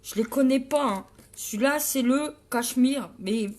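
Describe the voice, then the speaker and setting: A woman beauty vlogger hosts a live makeup tutorial and hams it up for her viewers, teasing and greeting them by name. Her voice sits high and she speaks slowly, stretching out her words. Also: slight background noise. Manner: loud and exaggerated, hamming it up.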